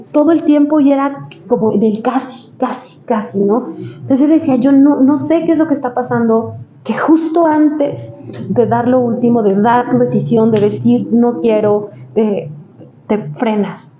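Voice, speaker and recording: A woman's voice: fairly high pitch, dark tone, a little hiss or hum. A woman, a therapist guest on a podcast, recounting therapy sessions at length in a casual way with many fillers. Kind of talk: casual storytelling in a podcast interview. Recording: roomy, slightly dull podcast sound with faint ambience.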